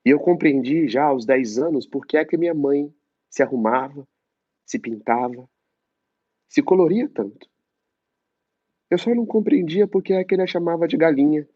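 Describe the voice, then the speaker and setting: A man's voice: on the high side, moderate pace, pauses often, dry recording, pitched above the performer's own voice, natural voice. A Brazilian man performing a monologue as a troubled young man locked in an asylum, pleading and anguished, on a dull lo-fi phone mic. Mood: bitter. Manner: anguished, pleading, wavering between loud and hushed. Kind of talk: theatrical monologue reading.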